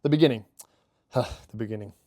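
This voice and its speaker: A man's voice: mid-range voice, moderate pace, dark tone, dry recording, studio quality, close to an everyday voice. A man reading the part of a deferential male robot crew member, hesitant as he reads aloud.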